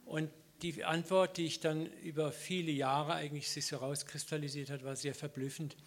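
A man's voice: on the high side, fairly even intonation, moderate pace. A middle-aged man preaching a sermon in an informal, conversational way, often ending phrases with a tag question and briefly voicing biblical figures.

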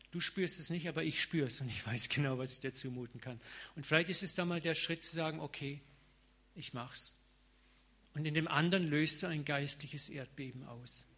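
A man preaches to his congregation in a relaxed, conversational sermon, dropping slang and everyday examples as he goes. His voice sits slightly high for a man, and he sounds middle-aged. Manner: informal, colloquial preaching with slang.

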